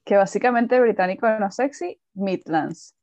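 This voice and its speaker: A woman's voice: medium pitch, normal speed, darkish tone, dry recording. A woman in casual podcast chat, exclamatory and often trailing off while she hunts for words. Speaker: podcast co-host. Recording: dull, dry lo-fi sound.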